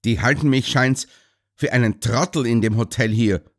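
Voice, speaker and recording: A man doing a furious blustering gentleman. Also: lowish voice, expressive, a little slow. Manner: shouting, broad country dialect.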